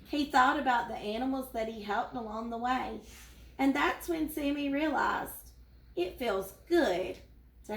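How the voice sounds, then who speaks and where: A teacher reads a children's storybook aloud in a warm, expressive way. Her voice sits a little high for a woman. The room gives it a roomy echo.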